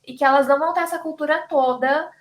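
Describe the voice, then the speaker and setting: A woman's voice: high voice, steady tone, fast. A young woman from Brazil giving career advice on a panel, chatty and full of "sabe?" and "tipo".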